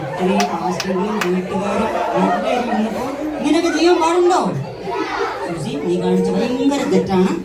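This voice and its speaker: A woman's voice: mid-range voice, lively intonation, moderate pace. A woman hosting a children's program, asking teasing questions and laughing as she talks. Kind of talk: playful stage talk with children. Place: large indoor hall. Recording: echoey hall, far from mic, crowd. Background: audience chatter and noise.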